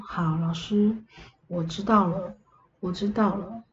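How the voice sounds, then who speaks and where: A woman's voice: medium pitch, takes it slowly, highs cut off, slight background noise, natural voice. A woman voicing a sweet, timid little kindergarten girl in a spoken ghost story, with a pleading, childlike manner.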